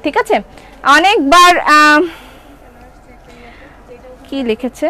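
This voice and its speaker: Selling clothes live for her online shop, a middle-aged woman with a Bangladeshi Bengali accent chats and answers viewers' comments. Her voice is high, bright and forceful, and she speaks slowly over poor audio.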